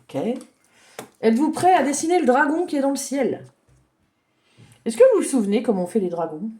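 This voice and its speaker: A woman giving a gentle, chatty drawing lesson for children, thinking aloud as she tells a story. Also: high-pitched, very animated, a little fast.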